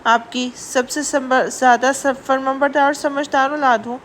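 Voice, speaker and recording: A woman's voice: sits high, fairly even intonation, fairly bright tone, a little hiss or hum. Woman doing a sulky, dramatic young wife. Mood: whiny pleading. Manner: whiny and pleading. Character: stubborn, dramatic young wife who sulks.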